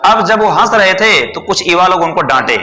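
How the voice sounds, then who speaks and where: High, bright-voiced male teacher. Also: lively intonation, brisk. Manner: repetitive, checks with "ठीक है" constantly; asks and answers own questions. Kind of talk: exam-prep lesson with memory story. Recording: roomy hall reverb.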